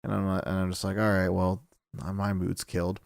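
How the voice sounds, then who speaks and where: A man co-hosting a podcast, chatting casually, laughing often and acting out characters in quick voices. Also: low voice, monotone, gravelly, darkish tone, dry recording, clean studio sound. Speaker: podcast co-host.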